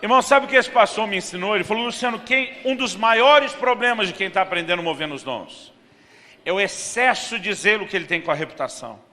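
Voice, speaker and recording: A man's voice: high voice, brisk, sharp tone, a little hiss or hum. A man preaching a sermon with a Brazilian Portuguese accent, telling a story and acting out the dialogue, calling his listeners brothers. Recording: hall reverb.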